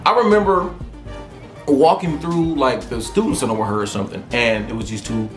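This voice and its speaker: A man, hosting a podcast and telling stories in a casual, comedic monologue. He is animated and profane. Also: mid-range voice, a little fast. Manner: animated, profane storytelling with frequent laughter. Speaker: podcast host. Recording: roomy echo with faint music.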